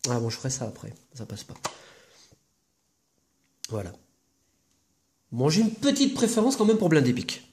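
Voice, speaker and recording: A man's voice: medium pitch, wildly swooping pitch, moderate pace, pauses often, a little mellow, a little hiss or hum. Chatty rambling male unboxing host. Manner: chatty, rambling, jokey asides. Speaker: video host opening trading-card boxes. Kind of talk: casual unboxing chat to viewers.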